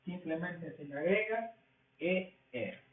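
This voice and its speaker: A man teaching a language class, explaining rules slowly and asking questions that he answers himself. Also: sits high, animated. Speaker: English teacher. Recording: tinny, echoey, from far off the mic.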